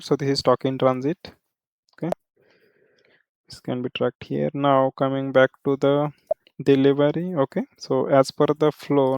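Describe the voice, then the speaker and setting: A man teaching software guides listeners through a screen in halting steps, checking in with them again and again. He has a clear, resonant, medium-pitched voice, recorded with no echo.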